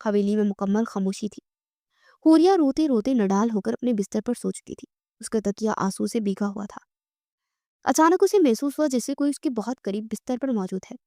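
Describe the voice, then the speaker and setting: A woman narrating a romantic novel in an expressive storytelling manner. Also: a little high, dry recording, studio quality. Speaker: audiobook narrator.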